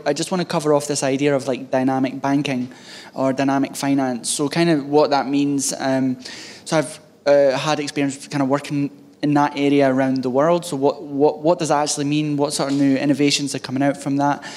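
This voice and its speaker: Scottish man with a thick accent, even pitch. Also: moderate pace. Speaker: conference speaker, head of DevOps at a bank. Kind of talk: informal tech talk to an audience.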